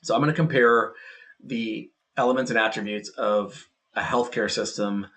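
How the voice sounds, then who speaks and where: A man's voice: on the low side, fairly even intonation, normal speed, a bit bright. A man as a podcast guest talking about healthcare technology, emphatic, repeating key phrases and acting out quoted dialogue. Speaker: guest, healthcare and private equity tech leader. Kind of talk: casual podcast conversation.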